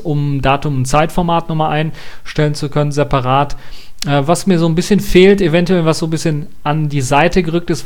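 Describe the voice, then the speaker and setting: A man giving a casual spoken review of an operating system release, thinking aloud with many hesitations and restarts. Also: a little high. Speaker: tech reviewer.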